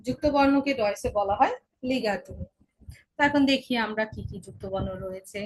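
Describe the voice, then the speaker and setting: A woman teaching German pronunciation to Bengali speakers. She repeats each sound slowly and asks questions that she answers herself. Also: on the high side, low-quality recording. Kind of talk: explanatory lesson.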